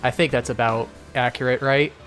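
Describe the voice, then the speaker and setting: Man, mid-pitched voice, casual streamer host, game commentary, faint music behind. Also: steady tone, brisk, fairly bright tone. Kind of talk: casual game livestream commentary and read-alouds.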